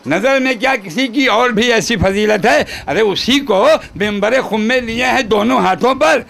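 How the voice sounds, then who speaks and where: A man's voice: extremely high pitch, moderate pace, vocal fry, fairly bright tone. A man reciting devotional poetry at a shrine gathering, repeating each couplet and chatting with the audience between verses.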